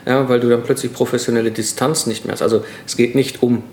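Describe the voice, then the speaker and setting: A middle-aged man speaks as a podcast guest, mid-pitched and reflective. He talks things through at length, restarting his sentences and filling pauses. The room around him rings with noticeable echo. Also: little pitch movement, darkish tone, slight background noise. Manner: reflective, explains at length with many fillers and restarts. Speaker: podcast guest, solo entrepreneur. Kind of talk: casual conversational interview.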